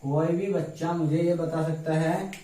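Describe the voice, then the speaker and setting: A man's voice: fairly high pitch, steady tone, measured pace, warm tone. A man teaching exam-prep math step by step, often checking in with his students. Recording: echoey room, mic far off.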